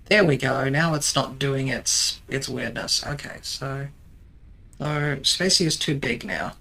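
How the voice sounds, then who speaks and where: Bright teasing streamer voice. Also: mid-range voice, unhurried, creaky. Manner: teasing, dry, explains with many ums. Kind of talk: casual live-stream chat while playing.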